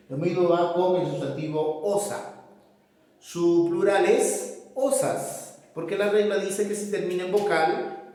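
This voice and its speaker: A man's voice: fairly high pitch, darkish tone. A man explaining a grammar lesson step by step, often checking in with his students. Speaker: teacher. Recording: echoey room, voice far from mic.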